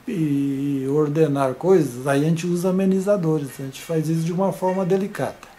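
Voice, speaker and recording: A man gives an informal video lesson in a somewhat high, mellow voice. He talks hesitantly, often stumbling over repeated fillers and restarting his phrases.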